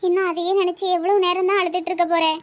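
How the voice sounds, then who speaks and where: A woman voicing a patient adult daughter in a cartoon, speaking with a Tirunelveli Tamil accent and gently coaxing and reasoning. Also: very high-pitched, little pitch movement, very fast, highs cut off, over music. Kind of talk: cartoon voice acting.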